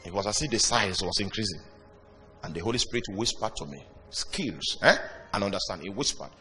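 A man preaching a sermon with dramatic pauses and sudden loud bursts. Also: fairly low pitch, lively intonation, a little hiss or hum. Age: young adult or older. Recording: reverberant hall with music behind.

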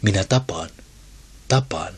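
A man voicing a huge, boastful male arena fighter who bellows his lines slowly, in an audiobook. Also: low voice, expressive, breathy edge, heavily acted. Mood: enraged.

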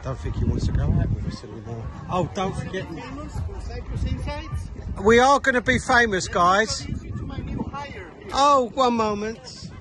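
A man's voice: high-pitched, expressive, measured pace, pauses often. A middle-aged man chatting as a vlog host from a small sailing boat at sea, jokey and self-mocking, filming himself on a phone at arm's length. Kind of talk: casual vlog chat. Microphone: phone camera at arm's length. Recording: wind and water noise.

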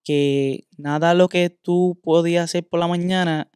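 A man's voice: a little high, steady tone, a little slow, darkish tone, clear, resonant tone, dry recording, clean studio sound. Man telling a candid story. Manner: candid storytelling, mixes in English words. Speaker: podcast host.

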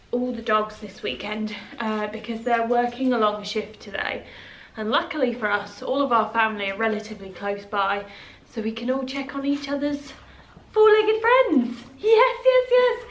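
A woman's voice: fairly high pitch, fairly bright tone. A young woman chatting casually in her vlog, bubbly and full of exclamations. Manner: bubbly and exclamatory, gushes at dogs. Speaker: vlogger.

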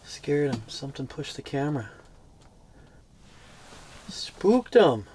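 A young man in a small ice fishing shelter, giving excited running commentary on each bite as he fishes. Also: fairly high pitch, slow, a little hiss or hum.

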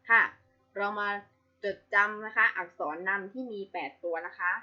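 A woman's voice: mid-range voice, steady tone, unhurried. A woman teacher giving a reading lesson to young pupils, patiently spelling out each sound. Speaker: primary school teacher. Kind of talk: slow, clear classroom reading lesson. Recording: slightly dull lo-fi audio.

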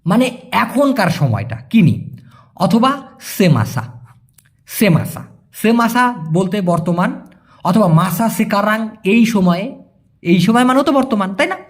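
A man from Bangladesh giving a casual spoken language lesson, repeating each word slowly for pronunciation and talking to viewers as brothers. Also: high voice, sing-song. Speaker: language teacher.

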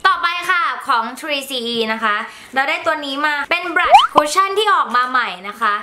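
A woman's voice: high-pitched, lively intonation, moderate pace, very noisy. A woman beauty vlogger chatting playfully through a casual haul, dropping in English words.

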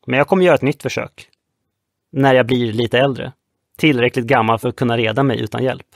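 A man's voice: mid-range voice, creaky, dry recording, studio quality, close to an everyday voice. A man voicing a young sailor who earnestly recounts his past in an audiobook. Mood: wistful. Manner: earnest, reflective storytelling.

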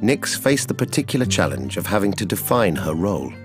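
Guy narrating a music doc, lowish voice, music underneath. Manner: even, measured reading. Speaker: documentary narrator. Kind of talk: scripted narration.

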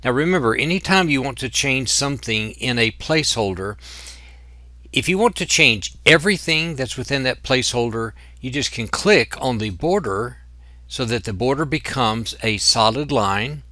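A man teaching software in a screen-recorded tutorial, explaining each step patiently. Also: medium pitch, animated, normal speed, dry recording. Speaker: software instructor.

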